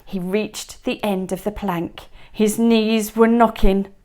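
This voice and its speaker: A woman teacher reading a picture book aloud to young children, expressive and dropping to a whisper at tense moments. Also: mid-range voice, slow pace. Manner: expressive storybook reading, drops to a whisper for suspense.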